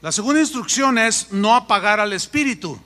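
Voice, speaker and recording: A man preaching a sermon as pastor, animated and acting out voices in his stories. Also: high voice, fairly quick. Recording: echoey hall with long reverb.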